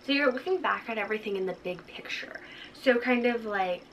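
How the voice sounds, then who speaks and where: A young woman co-hosting a podcast in casual chat, chatty and quick to laugh, with lots of "like". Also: a little high, fairly bright tone, a little hiss or hum. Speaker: podcast co-host.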